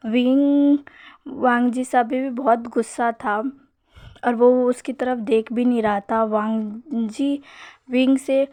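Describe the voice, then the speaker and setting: A woman casually retelling a fan fiction story, narrating quickly with frequent restarts. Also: a little high, steady tone, dark tone, no echo. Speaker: fanfic storyteller.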